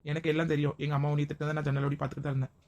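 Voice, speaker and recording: A woman playing a gentle, caring young husband who reassures his wife. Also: sits low, little pitch movement, very fast, vocal fry, lo-fi sound.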